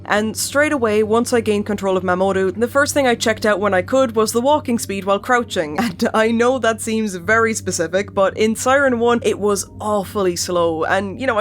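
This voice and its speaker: A woman hosting a game video essay in a chatty, casual way, swearing and laughing often. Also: mid-range voice.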